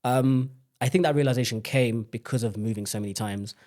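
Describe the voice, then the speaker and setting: Young man from the UK, quick talker, candid guest, reflective storytelling. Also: mid-range voice, a little mellow. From United Kingdom. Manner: open, reflective storytelling with many restarts. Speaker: podcast guest. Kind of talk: candid personal conversation.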